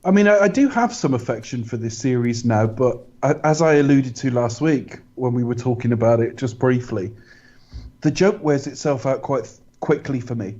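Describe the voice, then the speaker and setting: A man's voice: mid-range voice, animated, moderate pace, a little mellow, lo-fi sound. A man co-hosting a casual podcast film commentary, dry and blunt. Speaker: podcast co-host.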